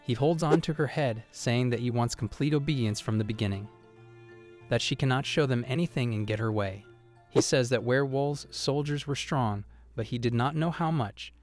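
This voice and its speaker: A man narrating a manga recap in a steady, reported-speech storytelling manner. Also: mid-range voice, normal speed, faint music behind.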